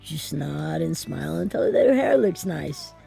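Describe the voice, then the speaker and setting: A woman's voice: sits low, expressive, moderate pace, creaky, mellow, faint music behind, heavily acted. A woman reading an audiobook, voicing a brash, anxious young male author who narrates with wry, profane inner monologue. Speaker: audiobook reader.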